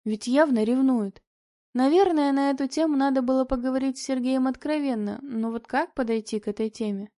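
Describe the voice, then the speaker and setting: A woman narrating a novel in the first person, in a steady, expressive reading. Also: sits high, a little fast. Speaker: audiobook narrator.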